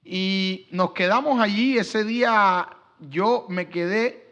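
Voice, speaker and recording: Middle-aged man, pastor, high and bright, storytelling panelist who acts out dialogue. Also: slow, dull audio. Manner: acts out quoted dialogue in his stories.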